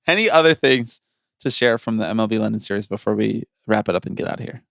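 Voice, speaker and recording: Gravelly low-voiced podcast co-host. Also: male voice, animated, fast talker, fairly bright tone, no echo, studio quality. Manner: joking, laughs often, trails off mid-sentence. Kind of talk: casual chat.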